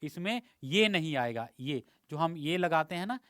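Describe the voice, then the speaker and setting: A man's voice: on the high side, animated, moderate pace, a bit bright, no echo, studio quality. A man teaching an exam-prep spelling lesson, patiently repeating each word and checking understanding as he goes. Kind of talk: spelling lesson over slides.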